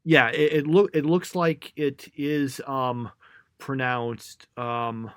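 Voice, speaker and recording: A man co-hosts a podcast at middle pitch, rambling and second-guessing himself. He fills his pauses with ums and uhs. His voice is close and dry, with no room sound. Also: flat delivery, fairly bright tone, smooth, dry recording. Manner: rambling, self-doubting, thinks aloud with fillers. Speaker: podcast co-host. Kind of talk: casual podcast chat.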